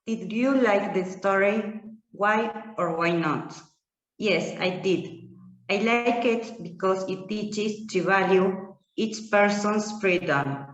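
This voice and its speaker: A woman in her thirties from Argentina, a language student giving a classroom presentation. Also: medium pitch. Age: 30s. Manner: reading aloud slowly and carefully. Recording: echoey muffled room.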